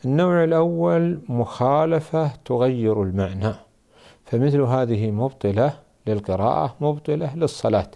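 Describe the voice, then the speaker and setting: A man answering religious questions as a scholar, measured and explanatory. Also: medium pitch, expressive, creaky, mellow. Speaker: Islamic scholar.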